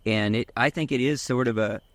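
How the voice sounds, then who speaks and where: A man's voice: medium pitch, brisk, a bit bright, no room sound. A man co-hosting a casual sports podcast, musing aloud with hesitant restarts. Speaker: podcast co-host.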